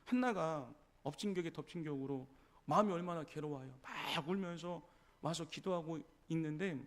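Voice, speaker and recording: A male pastor with a high-pitched voice preaches a Sunday morning sermon in his church. He retells scripture stories in a lively way, slipping into the voices of the people he quotes and often turning to the congregation with a quick "예?" to check they are following. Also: a little hiss or hum. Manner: storytelling preacher acting out quoted voices, frequent "예?". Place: church sanctuary.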